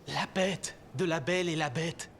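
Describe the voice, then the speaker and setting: An actor playing an earnest, naive friend in a dubbed comedy film, giving emphatic, grandly solemn romantic advice. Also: male voice, fairly high pitch, measured pace, a little hiss or hum. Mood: eager, indignant. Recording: loud music over the voice.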